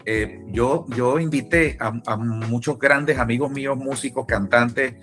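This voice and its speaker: Animated Venezuelan man telling a story. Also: medium pitch, a little slow, soft background music. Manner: animated anecdote teller who acts out quoted dialogue. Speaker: interview guest, musician. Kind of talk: casual storytelling.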